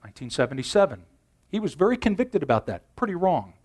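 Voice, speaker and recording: A man in his fifties preaching a sermon in a conversational way, moving between loud emphasis and quiet intensity. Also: fairly high pitch, sing-song, fast talker, husky. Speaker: pastor.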